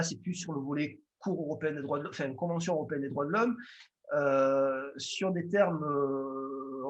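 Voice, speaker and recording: Lawyer lecturing, Marseille accent, slightly higher male voice, formal but halting with many fillers. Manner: formal, hesitant, frequent "euh" fillers and restarts. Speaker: lawyer giving a conference talk.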